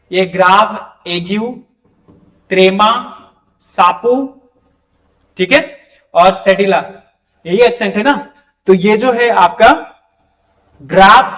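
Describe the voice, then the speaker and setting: A man teaching French pronunciation in a classroom, explaining slowly and asking his students questions. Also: high-pitched, a bit bright, recorded from a distance. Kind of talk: classroom lesson.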